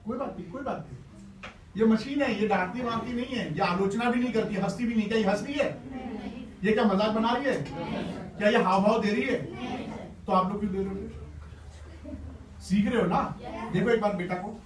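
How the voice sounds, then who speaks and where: High-voiced male teacher, encouraging, distant mic in a roomy hall. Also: a little fast, long pauses, crowd noise. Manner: encouraging and playful, coaxing pupils. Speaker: teacher running a school workshop. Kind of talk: classroom teaching to students. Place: school classroom. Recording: echoey room, distant mic, noisy class.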